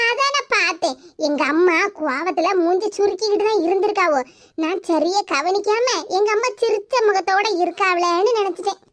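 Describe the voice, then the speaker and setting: A woman voicing an argumentative, defensive grown daughter in a cartoon, in a high, squeaky voice. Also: moderate pace. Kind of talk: cartoon voice acting.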